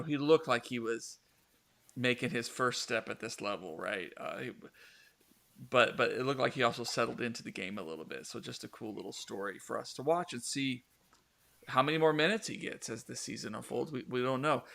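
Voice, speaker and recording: A man's voice: medium pitch, vocal fry, bright, forceful tone. A man hosting a casual soccer talk show, rambling with many fillers and restarts. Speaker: podcast host.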